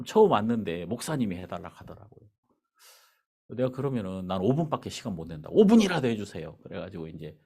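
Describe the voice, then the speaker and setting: A man's voice: fairly low pitch, breathy edge. A male pastor preaching in a church, telling a story with acted-out dialogue. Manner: animated storyteller acting out dialogue. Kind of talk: sermon with storytelling. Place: church sanctuary.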